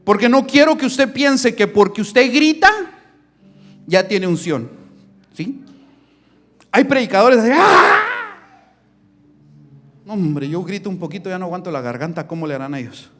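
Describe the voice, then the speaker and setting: A male pastor preaching a sermon in a church on a handheld microphone, joking in quiet asides and then building to shouted preaching. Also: sits high, lively intonation, normal speed.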